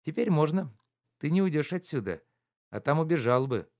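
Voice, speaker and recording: Male reader doing a lively, teasing young woman for a storybook, raised voice, bouncy. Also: a little high, moderate pace, voice pushed up. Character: playful, teasing young woman, carefree and coy.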